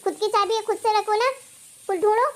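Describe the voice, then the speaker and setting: A woman voicing a sharp-tongued young daughter-in-law in a cartoon story, snapping back at her husband. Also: very high voice, fairly even intonation. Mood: irritated. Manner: defiant, quick retorts. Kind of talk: cartoon voice acting.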